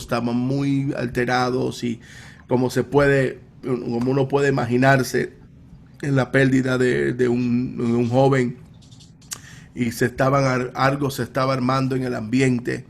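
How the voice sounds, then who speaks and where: Gravelly pastor guy telling a story slow, lots of ums and restarts. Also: medium pitch. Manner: slow, halting, many fillers and repeats. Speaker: chaplain and Pentecostal pastor. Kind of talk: panel storytelling.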